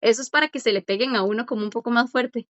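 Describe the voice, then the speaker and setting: A woman's voice: a little high, fast talker, a bit bright, no echo. A woman teaching a language class, patient and encouraging as she quizzes students and praises their answers. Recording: dull lo-fi dry audio.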